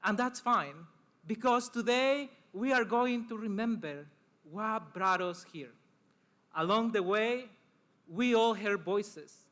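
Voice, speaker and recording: A young man from El Salvador, a native Spanish speaker, gives a formal prepared speech as a student commencement speaker. His voice is bright and sits high. He speaks earnestly and measuredly in short phrases broken by pauses.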